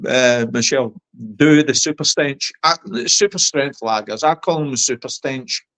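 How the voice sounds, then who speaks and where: A man's voice: medium pitch, moderate pace, fairly bright tone. A man, chatting casually on a video call and repeating himself as he talks. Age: 50s. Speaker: guest on a beer review call.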